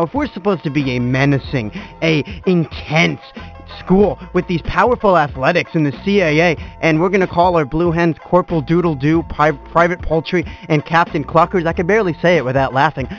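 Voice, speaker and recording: A man with a somewhat high voice talks campus sports in a casual, mocking tone. He sounds incredulous as he goes. The sound is dull and lo-fi, with faint music underneath. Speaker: sports show co-host.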